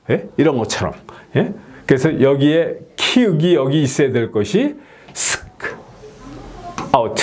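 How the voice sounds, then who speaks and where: Korean man drilling pronunciation, lively pitch. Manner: keeps asking "예?" to check on listeners, repeats words many times as demonstrations; slow, deliberate drilling of single words. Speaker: author teaching his own English pronunciation method. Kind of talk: video lecture explaining slides.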